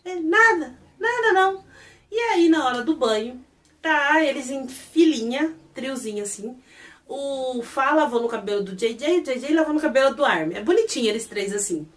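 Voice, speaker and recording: A Brazilian woman retells an episode in a gossipy, animated way, acting out the lines as she goes. Her voice is high and very lively. She sounds a bit distant from the mic. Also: a little fast. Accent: Brazilian Portuguese. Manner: animated, gossipy, acts out quotes. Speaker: YouTube series reviewer. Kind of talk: casual episode recap.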